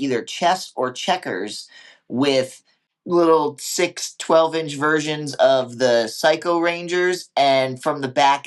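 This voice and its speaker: Profane, animated male podcast co-host. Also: mid-range voice. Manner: profane, animated, acts out characters' lines. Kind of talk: casual recap chat.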